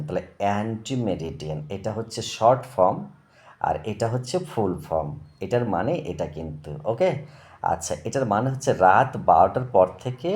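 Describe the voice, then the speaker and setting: A man teaches young pupils English words in a recorded lesson. His pitch rises and falls a great deal as he explains each term with patient repetition. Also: a little mellow. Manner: patient, repeats words and checks with "okay?". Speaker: tutor.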